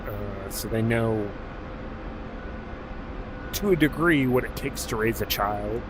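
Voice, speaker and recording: A man in his thirties from Alaska, chatting in a relaxed, rambling way with many fillers while streaming a game. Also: lowish voice, slow pace, background noise. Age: 30s. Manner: rambling, laid-back, many fillers and restarts. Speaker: gaming streamer. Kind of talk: casual live-stream chat while playing.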